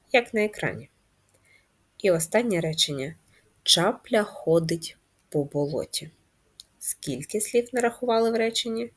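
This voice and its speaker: A woman teaching a first-grade reading lesson, speaking patiently and clearly and stretching words into syllables. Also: lowish voice. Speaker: primary school teacher.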